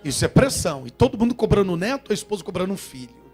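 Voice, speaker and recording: A man preaching a sermon, trading calls and responses with the congregation and swinging from hushed tones to shouts. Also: sits high, big pitch swings, racing, husky, faint music behind. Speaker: pastor.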